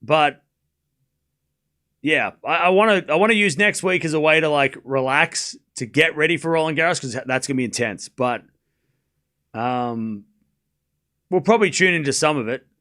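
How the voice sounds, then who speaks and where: A man hosts a live sports watchalong in a hoarse, smoker's rasp. His voice sits a bit high and cuts through brightly and forcefully. He calls play informally and repeats himself between chats with viewers. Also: normal speed. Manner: informal, repeats scores and phrases. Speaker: host of a live tennis watchalong. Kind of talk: casual live sports commentary and chat with viewers.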